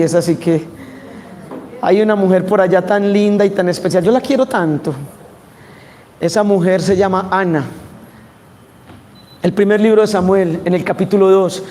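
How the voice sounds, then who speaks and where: A man with a Colombian Spanish accent preaching a sermon, animated and asking his audience questions. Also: high voice.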